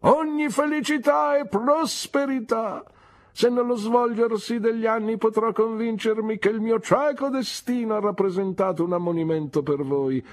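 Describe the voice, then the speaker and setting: A woman reading an audiobook, voicing a pompous, grandiloquent middle-aged man who talks in slow, theatrical, emphatic declamations. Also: medium pitch, darkish tone, pitched above the performer's own voice, lightly acted. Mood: farewell ringing.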